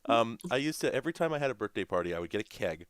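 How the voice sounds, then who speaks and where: A man's voice: medium pitch, animated, very fast, smooth, no room sound, clean studio sound. A man in his thirties co-hosting a casual livestream chat, rambling and joking with a ready laugh. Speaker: livestream co-host.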